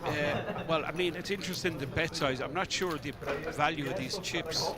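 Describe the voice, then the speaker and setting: Higher-pitched Irish commentator amid loud crowd. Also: male voice, moderate pace. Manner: chatty, colloquial, hesitant asides. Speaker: lead poker commentator. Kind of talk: casual unscripted live commentary. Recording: live, loud crowd chatter behind.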